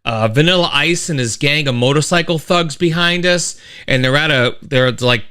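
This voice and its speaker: Rambling through a casual monologue on his weekly live stream, this middle-aged host speaks at a moderate pace in a clean, slightly high voice. He tells stories animatedly, with frequent restarts and sound effects.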